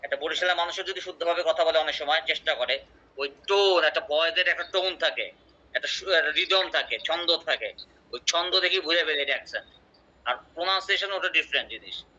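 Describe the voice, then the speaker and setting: A man's voice: on the high side, fairly quick, sharp tone. A man teaching an English class, explaining with examples and quizzing his students. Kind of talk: online class lecture. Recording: muffled lo-fi audio.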